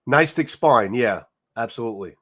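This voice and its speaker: Seated at home, this livestream host reads comments in a casual live chat, his New York Italian-American accent carrying a mid-range, expressive, fairly bright voice at a moderate pace. He rambles, repeats words, and swears casually.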